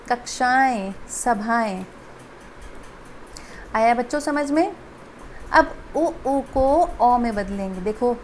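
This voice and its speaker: A woman's voice: a little high, slight background noise. A woman teacher patiently explaining a grammar lesson to children, speaking to them directly. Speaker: school teacher.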